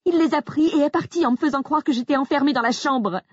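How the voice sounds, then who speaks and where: A woman voicing a frightened young wife who pleads and accuses in a shrill, near-hysterical voice, from an audiobook. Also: quick pace, dry recording, dull audio, close to an everyday voice. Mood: panicked. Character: frightened young woman insisting on her story.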